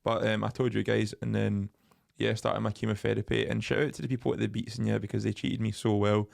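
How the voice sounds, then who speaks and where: Speaking quickly with vocal fry in a voice on the low side, a young podcast co-host chats casually and spins animated stories. His talk is full of jokes and swearing.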